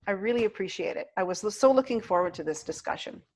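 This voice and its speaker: A woman's voice: mid-range voice, animated, fast, a little mellow, slight background noise. A woman hosting an interview, introducing her guest with effusive, gushing praise. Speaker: interview host.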